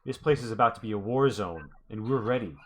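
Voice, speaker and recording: A man's voice: lowish voice, animated, brisk, a bit bright. A man playing a wary, blunt, protective townswoman who talks defensively in a tabletop game. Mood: bitter, blunt. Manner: blunt, defensive, hesitant starts.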